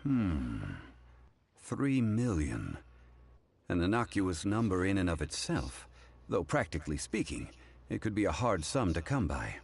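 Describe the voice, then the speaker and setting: A calm, low, ancient scholar. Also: male voice, gravelly, heavily acted. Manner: slow, deliberate, formal. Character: ancient, wise male scholar, calm and formal.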